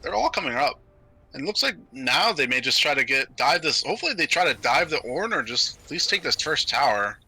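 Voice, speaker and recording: Bright-voiced male esports caster. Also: a little high, big pitch swings, slightly rough. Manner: brisk, analytical, with frequent fillers. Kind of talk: play-by-play commentary.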